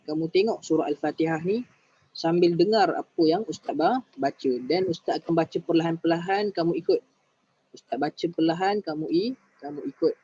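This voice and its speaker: Malaysian guy teaching quran recitation online, kinda high voice, slow careful, dull lo-fi call sound. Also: darkish tone, breathy edge, dry recording. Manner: patient, recites verses very slowly and drawn out. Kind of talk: online tajwid lesson.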